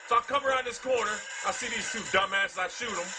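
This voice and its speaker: A worked-up man from the United States rants over his gameplay like a raging gamer. His voice is very high-pitched and full of swearing. The amateur recording is thick with noise. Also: fast talker. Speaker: gaming video creator. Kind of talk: ranting gameplay commentary.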